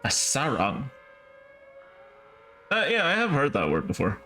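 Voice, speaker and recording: A man's voice: medium pitch, wildly swooping pitch, a little slow, pushed and bright, faint music behind. A man giving casual live commentary as he streams a game.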